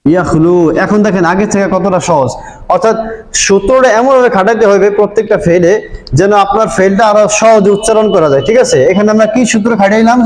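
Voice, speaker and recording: A man with a high voice walks through a grammar lesson at a board and pauses to check that everyone follows. His patient, repetitive delivery rings through a roomy space with a long reverb tail. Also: darkish tone. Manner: patient, repeats points and checks understanding often. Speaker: Arabic grammar teacher. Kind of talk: board lesson explaining Arabic verb forms. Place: room with a board. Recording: echoey room with long reverb.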